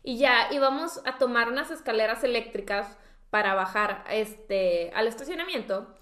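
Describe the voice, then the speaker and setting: Young Mexican woman, casual animated co-host, high pitch, echoey room. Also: normal speed. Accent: Mexican Spanish. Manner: animated, acts out reactions. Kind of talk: casual storytelling chat.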